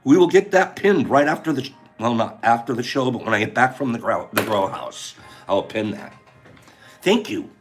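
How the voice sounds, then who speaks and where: Animated male livestream host. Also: medium pitch, normal speed, over music. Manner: animated, chatty, reading out viewer names. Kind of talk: casual livestream chat.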